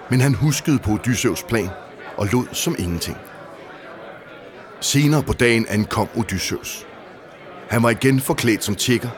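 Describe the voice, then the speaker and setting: A man narrating a storybook in a calm, steady way. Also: lowish voice.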